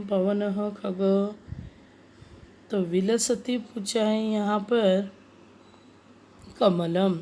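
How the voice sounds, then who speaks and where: Woman teacher, mid-pitched, unhurried, drilling vocabulary word by word. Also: mellow. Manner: slow, deliberate, repeats words for pupils to echo. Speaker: Sanskrit teacher. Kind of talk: classroom lesson, explaining word meanings.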